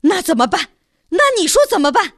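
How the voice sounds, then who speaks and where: A woman voicing a dim-witted, hot-tempered, strong young village man who stammers and shouts bluntly in a storybook reading. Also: high voice, very animated, moderate pace, voice pushed up, exaggerated voice. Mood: angry. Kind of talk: storybook narration.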